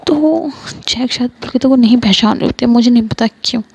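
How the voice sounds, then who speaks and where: A woman's voice: on the high side, brisk, vocal fry, darkish tone, slightly rough, no room sound, muffled recording. A woman with an Indian Hindi accent, narrating a love story in a loose, casual way with many fillers.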